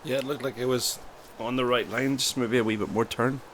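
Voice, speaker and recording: A man's voice: medium pitch, steady tone, brisk, a bit bright, slight background noise. A man giving conversational golf-style commentary as a co-commentator at a disc golf tournament.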